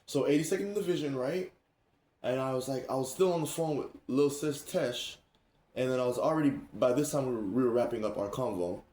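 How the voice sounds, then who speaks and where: A man hosting a casual chat, telling stories in an animated way, laughing and acting out what others said. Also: medium pitch, fairly quick. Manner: animated, laughing, acts out quoted speech. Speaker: streamer and host. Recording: roomy echo.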